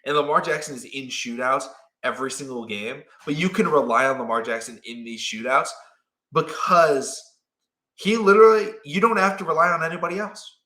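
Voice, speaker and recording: Young man, sports talk host, bright forceful voice, roomy echo. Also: a little high. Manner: acts out players in quick quoted asides.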